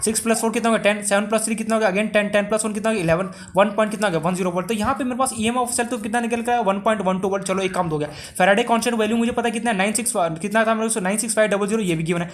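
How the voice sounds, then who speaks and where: A young man with an Indian Hindi accent teaching chemistry, talking very fast in one breath and asking and answering his own questions. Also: high voice, steady tone. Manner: rapid, talks in one breath, asks and answers himself. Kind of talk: fast explanatory lesson.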